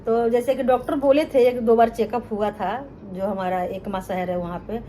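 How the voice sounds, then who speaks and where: A middle-aged woman from Bihar, India, who hosts a cooking channel, tells viewers her life story in a chatty vlog, often addressing them as friends. Her voice is a little high and warm, with flat delivery at normal speed. A little hiss or hum sits in the recording.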